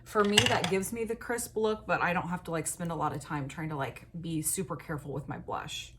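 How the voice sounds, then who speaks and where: A woman's voice: fairly low pitch, fairly even intonation, brisk, noisy background. A woman, chatting casually and rambling through money-saving tips in a lifestyle vlog. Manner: chatty, rambling, self-deprecating, fillers like "like". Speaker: lifestyle vlogger.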